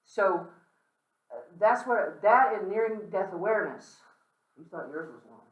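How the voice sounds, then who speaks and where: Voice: medium pitch, expressive, unhurried, muffled recording. Candid lecturer in an echoey room. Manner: conversational, checks in with "okay?" and "right?"; candid, with asides and light humor. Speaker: guest speaker on death and dying. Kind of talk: informal lecture to a campus audience. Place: large room with an audience. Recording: roomy echo, speaker far from the mic.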